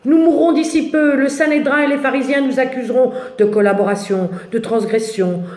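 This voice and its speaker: A woman's voice: sits high, steady tone, brisk, darkish tone, close to an everyday voice. A woman voicing an anxious, indignant male disciple who grumbles and exclaims in a dramatic biblical story. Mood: gloomy foreboding. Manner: agitated, complaining, exclamatory. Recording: echoey, roomy sound.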